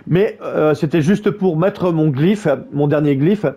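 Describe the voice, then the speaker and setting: A man's voice: on the high side, measured pace, warm tone. A man talking through a game build in a casual voice-over, stumbling over words with many fillers and restarts. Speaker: gaming YouTuber. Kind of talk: casual gameplay guide voice-over.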